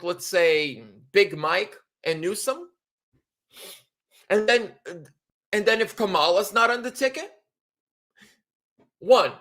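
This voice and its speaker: A man giving casual political commentary in an animated, emphatic way, often repeating himself. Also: high-pitched.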